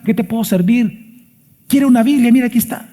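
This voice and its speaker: Man playing a friendly church greeter, eager, welcoming, high voice, long hall reverb. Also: fairly quick, mellow.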